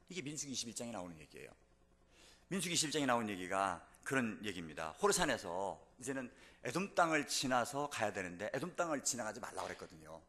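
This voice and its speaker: A male pastor delivers a sermon in a church at a quick clip. His voice sits at a middle pitch but swings widely, and he keeps tossing rhetorical questions at the congregation before climbing to loud, emphatic exclamations. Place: church sanctuary.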